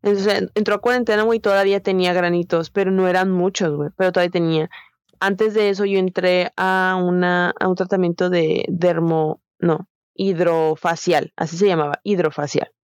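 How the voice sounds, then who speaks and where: A woman's voice: fairly low pitch, steady tone, a little fast, smooth, dry recording. A young woman with a Mexican Spanish accent, telling a personal story in a candid, slangy way with many fillers. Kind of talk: casual storytelling chat.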